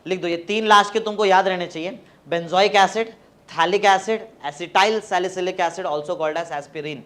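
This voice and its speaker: A man teaching chemistry in a classroom, dictating notes slowly and spelling words out letter by letter. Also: sits high, a bit bright. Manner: mixes Hindi and English, urging students to hurry.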